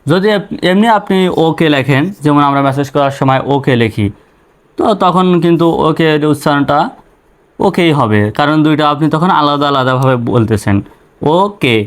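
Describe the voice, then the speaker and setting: A man with a Bangladeshi accent teaching English phonics, spelling out letters and then sounding each word in slow, patient drills. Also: on the high side, smooth.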